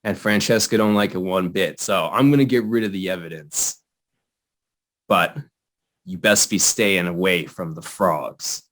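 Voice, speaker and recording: A shady wise-guy professor with a stereotypical gangster accent, as a man puts him on. He talks low and slow, leaning in close with quiet warnings.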